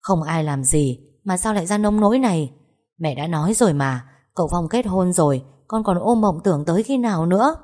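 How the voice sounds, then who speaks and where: A woman's voice: lowish voice, animated, fairly quick, dark tone. A woman voicing a worried middle-aged mother who is alarmed and scolding in an audio story.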